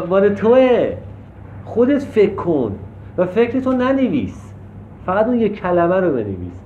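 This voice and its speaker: A man's voice: sits high, huge pitch swings, dark tone. A man leading a recovery group session, giving firm, blunt instructions with a teasing edge, recorded in an echoey room with muffled sound and faint noise. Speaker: group facilitator.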